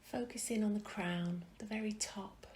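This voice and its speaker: Slight background noise sits behind a woman's medium-pitched voice as she leads a gentle meditation. Her soft phrases drift into a whisper, separated by long pauses.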